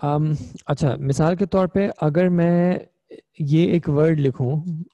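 A man's voice: on the high side, fairly even intonation, slow pace, dark tone, dry recording, lo-fi sound. A young man teaching an online Arabic grammar class, explaining patiently step by step and checking in with his students. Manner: patient, explains step by step, often asks "ठीक है?".

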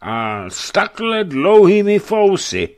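A man's voice: high-pitched, very animated, voice pushed up. A man voicing a simple, timid male servant who halts and stammers with "eh" between words. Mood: hesitant. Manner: halting, full of "eh" fillers.

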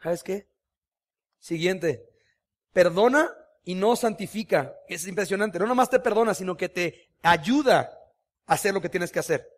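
A man with a Mexican Spanish accent preaching a sermon, impassioned and conversational, full of rhetorical questions. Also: high-pitched. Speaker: pastor.

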